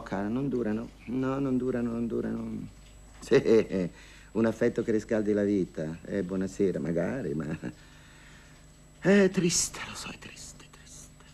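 A man's voice: fairly low pitch, gravelly, darkish tone. An actor playing a lonely older woman who gossips and haggles on the phone in a theatrical monologue, sighing and wryly complaining. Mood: wistful. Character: lonely, wry older woman hiring a dance partner.

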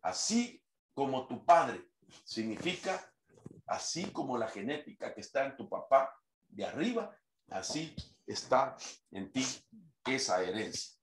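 A man's voice: medium pitch, sing-song, a little slow, reverberant. A man preaching a sermon, quoting scripture in a raised reading voice. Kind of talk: sermon teaching.

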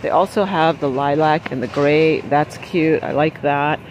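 A woman filming a casual shop-with-me vlog in a large warehouse store. She chats as she goes, reads prices aloud and drops quick excited exclamations. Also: low-pitched, slight background noise. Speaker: shopping vlogger. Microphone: handheld phone camera while shopping.

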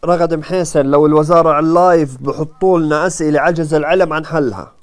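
A man's voice: a little high, fairly even intonation, fast. A man with a Jordanian Arabic accent reading viewer comments aloud during a live lesson, in a playful, teasing way. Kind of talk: live stream chat.

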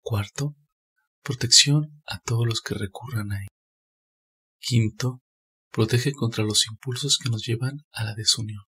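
A man calmly reading a scripted spiritual narration in a measured, steady way. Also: mid-range voice, breathy edge.

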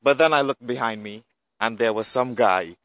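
Bright-voiced man giving an earnest testimony. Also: medium pitch, moderate pace, dry recording. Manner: earnest, emotional storytelling that turns to preaching. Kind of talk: personal faith testimony.

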